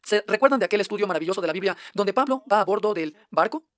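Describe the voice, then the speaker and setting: A man preaching a translated sermon at a rapid clip. He presses his points with rhetorical question after question. The recording is close and dry, with no room sound. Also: sits high, expressive, a bit bright, no echo. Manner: emphatic, fires off rhetorical questions.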